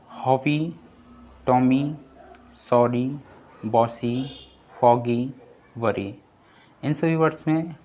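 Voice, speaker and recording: A man teaching an English lesson, explaining spelling rules slowly and spelling out example words one at a time. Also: mid-range voice, a little hiss or hum.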